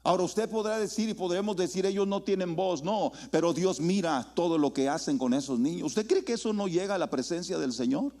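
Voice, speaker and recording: A pastor preaching a sermon in a church, with rising calls and slow, stretched exhortations. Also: male voice, high-pitched, mellow. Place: church sanctuary.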